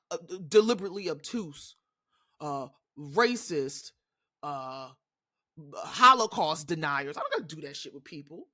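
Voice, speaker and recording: A woman's voice: a little high, a bit bright. A woman with a New York accent hosting a podcast, ranting in a blunt, profane, impassioned way in a casual monologue. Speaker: podcast host.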